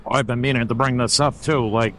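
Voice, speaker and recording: A man's voice: mid-range voice, fairly even intonation, fast, poor audio. A man, giving casual, swearing commentary on a motorcycle ride from a helmet mic. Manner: laid-back, swearing, chatty. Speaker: motovlogger. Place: on a motorcycle on a highway. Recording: wind and engine noise behind.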